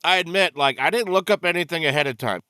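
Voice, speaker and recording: A man's voice: on the high side, fast talker, bright, forceful tone, clear, resonant tone, no room sound. A man doing crude, sarcastic, exasperated video game commentary, swearing heavily as he rants. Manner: crude, profanity-laden, exasperated ranting. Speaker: game streamer, let's play host. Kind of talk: ranting game commentary with mocking voices.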